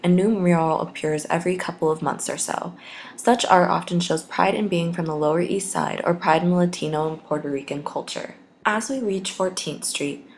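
A young woman narrating a scripted walking-tour voice-over, reading steadily from her script like a tour guide. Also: on the low side. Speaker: student narrator.

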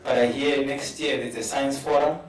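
In a panel discussion, a male professor speaks at medium pitch with a steady tone and normal speed, his South African English accent clear. Earnest, he frequently repeats words while building a point; the handheld mic is picked up from a distance in a roomy hall.

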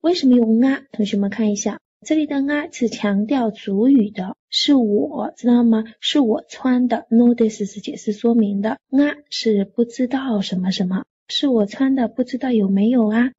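A woman's voice: fairly high pitch, normal speed, hardly any pauses, warm tone, husky, muffled recording. A woman teaching a classroom grammar lecture, reading example sentences aloud and then explaining them patiently for students. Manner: explains patiently, reads Japanese lines then translates. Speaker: Japanese language teacher.

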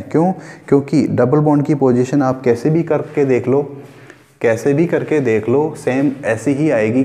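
Hindi chemistry teacher with a dark tone. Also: male voice, mid-range voice, in a large hall. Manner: explains step by step, repeating key terms and asking questions; mixes English terms into Hindi. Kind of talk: online chemistry lecture.

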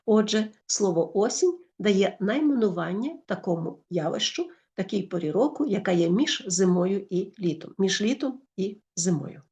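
Ukrainian lady teacher explaining grammar, lively, restarts her words a lot. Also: medium pitch. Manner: lively explanatory, with self-corrections. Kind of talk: school lesson explanation.

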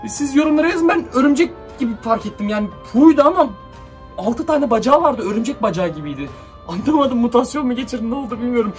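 A high-voiced young YouTuber, jittery and scared, talks fast with lively intonation in an excited horror-drone vlog. Far from the mic, he addresses viewers and mutters commands to the drone, with light music behind him.

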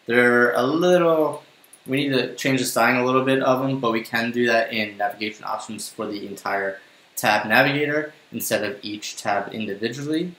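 A man's voice: mid-range voice, normal speed, fairly bright tone. A young man teaching coding in a casual screencast, talking to himself as he types. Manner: casual, thinking aloud while typing. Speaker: coding tutor. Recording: roomy home recording with faint hiss.

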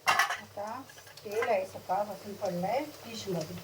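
In her home kitchen, a woman cooks for her vlog while chatting to her pet bird and cat, scolding them in a coaxing, singsong way. Her voice is medium-pitched and a little slow, picked up by a distant mic amid loud background noise and pet cries.

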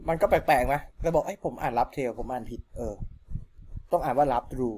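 A man's voice: fairly high pitch, fast, a little mellow, slight background noise. A young man reading a fan fiction novel aloud, often stopping to chat and question the wording.

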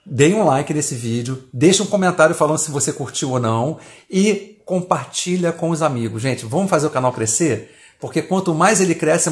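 A Brazilian man with a Brazilian Portuguese accent, teaching English grammar from film clips, who repeats the English phrases slowly and deliberately. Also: medium pitch, husky.

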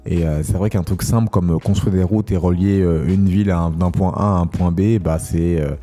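A man's voice: sits low, fairly even intonation, fairly quick, dark tone, soft background music. A man in his thirties from Kinshasa, chatting casually with many hesitant fillers. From Congo, Kinshasa. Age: 30s. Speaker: co-host of a couple's channel. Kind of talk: casual chat.

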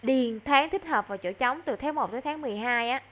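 A woman's voice: sits high, brisk, a bit bright. A woman tutoring a child online, patient and coaxing, over a video call. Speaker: English tutor. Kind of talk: online one-on-one lesson.

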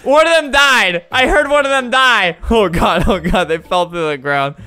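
A young man giving comedic gameplay commentary, jokey and animated, breaking into squeals and shouts while he role-plays. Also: high-pitched, moderate pace, clear, resonant tone, faint music behind. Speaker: game commentator.

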